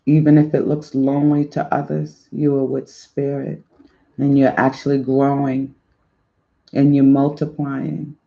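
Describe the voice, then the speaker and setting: A man giving a slow, encouraging spiritual tarot reading to his viewers, repeating affirming phrases, on a dull lo-fi recording. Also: medium pitch, completely flat delivery, creaky. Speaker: spiritual life coach and tarot reader.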